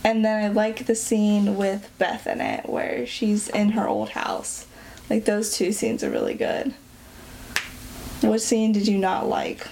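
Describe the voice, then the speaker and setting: A young woman hosting a casual podcast chat, talkative and quick to laugh. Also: mid-range voice, little pitch movement, vocal fry, warm tone, a little hiss or hum. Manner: chatty, giggly, quick to laugh. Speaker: podcast host.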